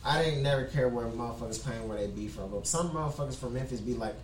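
A man's voice: medium pitch, quick pace, distant mic. A man in a casual group chat, speaking bluntly and profanely in a laid-back way. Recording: roomy with faint noise.

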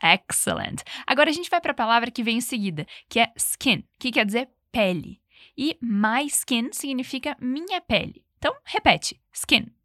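A woman teaching English in a bilingual lesson, giving clear encouraging repeat-after-me drills and slowing down to model pronunciation. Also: on the high side, big pitch swings, a bit bright, no room sound, studio quality.

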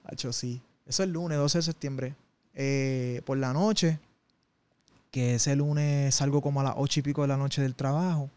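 A man's voice: mid-range voice, fairly even intonation, normal speed, a little mellow, smooth, no echo. A man, an interview guest telling a personal testimony in an intense, emotional way full of street slang.

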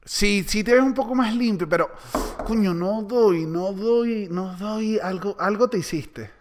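A young Venezuelan man co-hosts a podcast, teasing his partner and laughing often during casual conversation. He speaks Venezuelan Spanish in a high, slightly slow voice.

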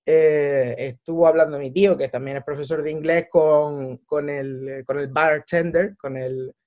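A man, a guest chatting casually and telling stories in an animated way. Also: on the high side, unhurried. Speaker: podcast guest. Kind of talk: casual chat.

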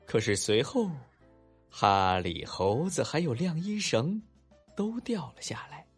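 A man narrating a children's story and talking to young listeners afterward, with animated asides. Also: mid-range voice, slow pace, slightly rough, faint music behind. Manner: animated, warm-toned coaxing asides to kids.

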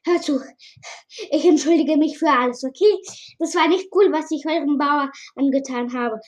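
A woman's voice: sits high, normal speed, a little mellow, natural voice. A woman voicing a frightened young male stranger who pleads in a stumbling, breathless way while reading a storybook aloud. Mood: pleading.

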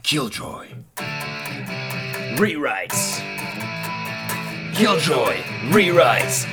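A man, co-host of a podcast, calling out a playful, drawn-out show intro with a digital echo effect on his voice. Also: on the high side, sing-song, over loud music. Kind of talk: casual podcast chat.

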